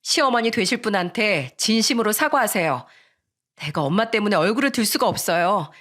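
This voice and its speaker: A woman voicing a determined young woman in a radio story, speaking firmly and calmly as she defies her mother. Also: mid-range voice. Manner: firm, calm, deliberate.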